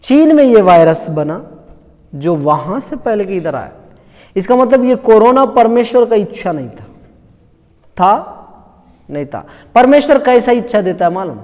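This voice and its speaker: A man's voice: high voice, big pitch swings, unhurried, pauses often, dark tone. A male pastor giving a casual, conversational sermon that keeps asking the congregation questions. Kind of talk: Hindi sermon. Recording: long hall reverb.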